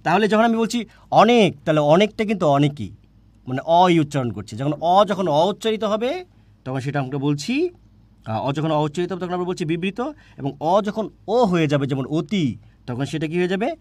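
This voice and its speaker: A man's voice: on the high side, animated, brisk, darkish tone, no echo. A man teaching a grammar class online, repeating points and asking questions he answers himself. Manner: repetitive, asks questions and answers them himself.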